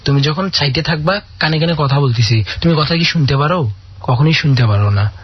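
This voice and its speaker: A man with a slightly high, husky voice recounts a long personal story on a call-in radio show. He tells it earnestly and acts out the dialogue. The broadcast audio sounds dull and lo-fi. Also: lively intonation, fairly quick, no echo. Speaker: caller.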